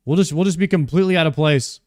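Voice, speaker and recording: A man's voice: on the high side, fast talker, a little mellow. A young man streaming a game, chatting casually and joking as he plays, often repeating himself mid-sentence. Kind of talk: casual live-stream commentary while playing.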